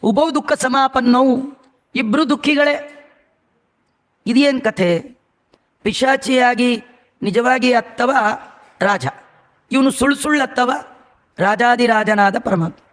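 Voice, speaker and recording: High-voiced man giving a devotional sermon. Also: takes it slowly, pauses often, a bit bright. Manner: asks the audience questions and answers them himself; chants verses, then explains them in everyday talk. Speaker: religious scholar giving a discourse.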